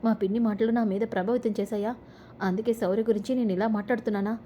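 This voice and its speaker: A woman's voice: mid-range voice, steady tone, fast, warm tone, lo-fi sound, slight background noise, lightly acted. A woman reading the lines of a middle-aged mother who questions herself anxiously, in a serial recap. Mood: troubled.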